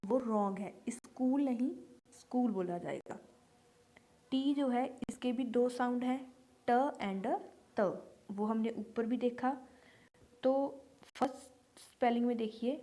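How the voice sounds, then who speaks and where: In a mellow voice with a fairly high pitch, this teacher patiently walks beginners through English letter sounds in a slow phonics lesson, saying every example word twice.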